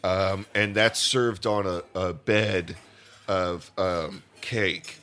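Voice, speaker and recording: A man talks through an absurd pitch, stopping often on ums and uhs. His voice is low but bright and forceful. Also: fairly even intonation, extremely slow. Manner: hesitant, padded with fillers. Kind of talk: comedic improvised sketch.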